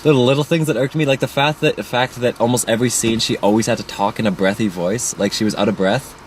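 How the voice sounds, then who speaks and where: A man casually giving opinionated film critique, halting and full of fillers. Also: medium pitch, fairly even intonation, a little hiss or hum, rough recording. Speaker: movie reviewer. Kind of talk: casual chat.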